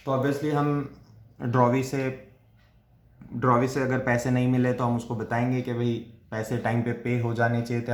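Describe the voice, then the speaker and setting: A male commerce tutor, at a middle pitch, talks through a lesson step by step. He asks questions and answers them himself, and slows right down to read out definitions. His voice rings in an echoey room. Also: a little mellow. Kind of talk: classroom lecture in Hinglish.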